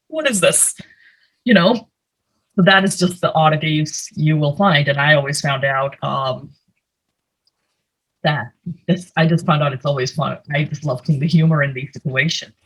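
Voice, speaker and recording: Her low voice has a breathy edge as this young woman from India runs through a slide presentation on a video call in a conversational, filler-heavy way. She's recorded roughly through a computer mic.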